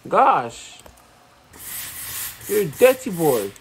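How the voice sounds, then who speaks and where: A man giving casual, excitable commentary while playing a game, thinking aloud, swearing and using slang like "fam". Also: fairly high pitch, extremely slow, slight background noise, low-quality recording. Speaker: gamer playing a horror game.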